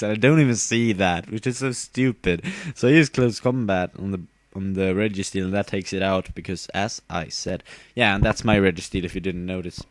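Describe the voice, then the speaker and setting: Young man, low-pitched, tired, giggly, rambling game commentary, dry close sound. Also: no echo. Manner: rambling, giggly, trails off with fillers. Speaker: gamer narrating his battle.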